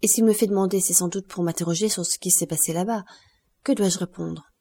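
A woman's voice: fairly low pitch, fairly even intonation, fairly quick, mellow, breathy edge. A woman reading the part of a cautious male valet, speaking respectfully and deferentially.

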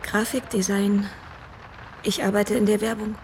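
In a German radio drama, an actress with a mid-range, gravelly voice plays an anxious, polite young woman searching for answers. She speaks hesitantly, in a halting, flat way, with a little hiss or hum on the recording.

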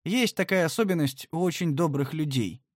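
A man narrating an audiobook in an expressive, lively reading style. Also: a little high, normal speed, dry recording, studio quality. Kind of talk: scripted narration.

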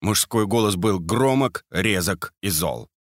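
A man narrating a crime audiobook in a steady, even reading manner. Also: low voice, a little slow, no echo, studio quality.

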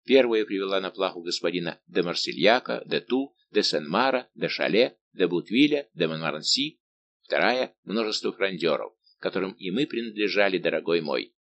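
A man voicing a big, good-natured, simple-minded old musketeer baron, talking slow and booming. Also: expressive, fairly bright tone, muffled recording. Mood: grumbling.

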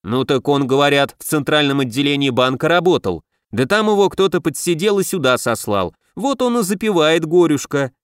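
A man reading a first-person fantasy audiobook in an even, storytelling manner. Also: a little high, moderate pace, few pauses, clear, resonant tone, no room sound, studio quality. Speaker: audiobook narrator.

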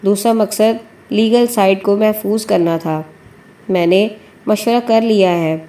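A woman reading a bossy, fatherly old editor, mellow and unhurried in an audiobook. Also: medium pitch, fairly even intonation, natural voice. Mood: instructing. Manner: coaxing and bossy. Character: older male newspaper editor, chain-smoking, brisk and fatherly.

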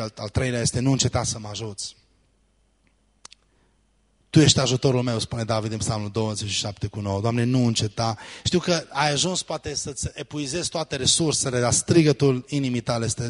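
A man preaching a sermon as pastor, reading scripture verses and acting out pleading prayers. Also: mid-range voice.

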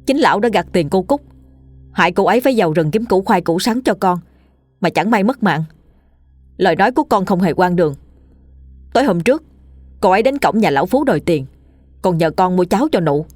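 A grieving village man, choked up and pleading, gives his testimony before an official in a told ghost story, as a woman narrator puts him on. The voice stays low-set and close to her own. Soft music plays faintly underneath. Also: expressive, fairly quick, long pauses, dry recording.

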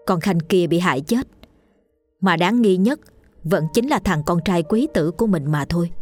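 Female audiobook narrator, low and solemn, faint music bed. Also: darkish tone, no echo. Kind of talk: scripted ghost story narration. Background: faint background music.

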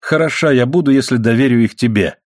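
A man reading the part of a furious, worn-down miner's wife with sharp, indignant retorts. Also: medium pitch, fast talker, no room sound, studio quality, lightly acted. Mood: bitter.

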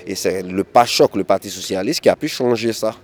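A man's voice: on the low side, a little fast. A man, recounting his experience as a migrant activist in a hesitant interview, often restarting and repeating words. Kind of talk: candid interview testimony.

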